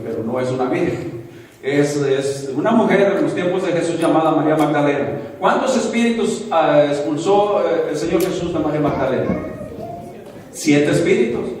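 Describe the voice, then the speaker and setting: A man preaching a sermon in an informal, conversational way, asking the congregation questions and correcting himself as he goes. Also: high-pitched. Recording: echoey hall from far off.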